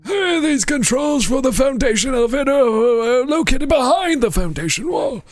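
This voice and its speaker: A man's voice: very high voice, sing-song, normal speed, no echo, soft background music, pitched above the performer's own voice. A man putting on an old man's voice to read a formal memo aloud.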